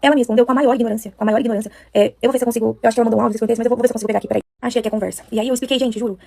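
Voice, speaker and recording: Rapid-fire, upset Brazilian woman venting at home. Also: a little high, steady tone, creaky, dark tone, dry recording. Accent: Brazilian Portuguese. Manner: upset, rapid, repeats herself for emphasis. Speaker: influencer talking to followers. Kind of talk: casual venting to camera. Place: at home, indoors.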